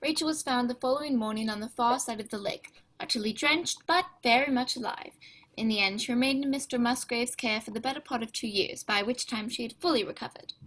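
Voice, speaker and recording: Woman acting a kindly doctor narrator, gentle storytelling, a bit high, old-time radio. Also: brisk, rough recording. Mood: genial. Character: kindly male doctor narrator, steady and genial. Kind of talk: 1930s-style radio drama acting.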